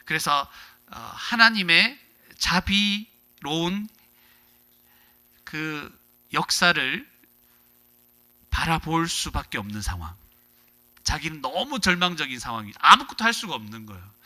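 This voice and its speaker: A man preaching a sermon as pastor, lively and dramatic, acting out the people in his story and swinging between loud outbursts and hushed lines. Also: a little high, unhurried, long pauses.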